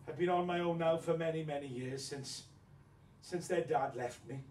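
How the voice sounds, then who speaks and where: A man's voice: on the high side, normal speed, a little mellow, a little hiss or hum, lightly acted. Man as a flamboyant pantomime dame, echoey and distant. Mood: fond, proud. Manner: pantomime dame manner, gushing, coy and gossipy. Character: flamboyant, vain, flirtatious pantomime dame, a widowed mother. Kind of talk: pantomime dame performance in a mock celebrity interview. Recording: echoey room, distant microphone.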